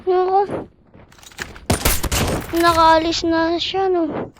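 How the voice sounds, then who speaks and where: High voice, slow unhurried talk, chatty gameplay commentary, loud gunfire and game sounds behind. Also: flat delivery, background noise. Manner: chatty, repeats exclamations while playing. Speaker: gaming streamer.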